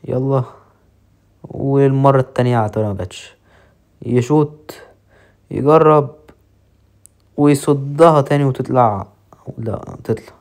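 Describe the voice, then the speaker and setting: A man with an Egyptian accent commentating his own football game match with excited, joking play-by-play. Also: medium pitch, unhurried, long pauses. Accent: Egyptian Arabic. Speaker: mobile football gamer.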